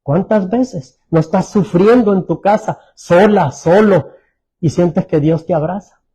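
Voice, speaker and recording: High-voiced male pastor preaching. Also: measured pace, breathy edge, poor audio. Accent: Mexican Spanish. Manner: preaching with sudden drops to soft, low tones; repeats phrases, restarts words. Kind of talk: sermon.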